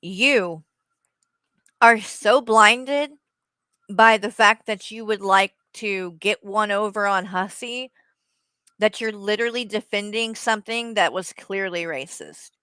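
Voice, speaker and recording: A woman's voice: mid-range voice, a little slow, pushed and bright, clean tone, no room sound. A woman streamer giving heated live commentary, blunt and profane, talking straight at the person she criticizes. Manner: blunt, profane, addresses someone directly.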